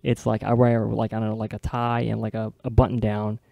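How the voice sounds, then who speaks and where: A young man hosting a podcast, chatting fast and loosely with lots of casual filler. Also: on the low side, completely flat delivery, gravelly, dry recording, lo-fi sound. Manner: fast, chatty, loose with many likes and dudes. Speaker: podcast host.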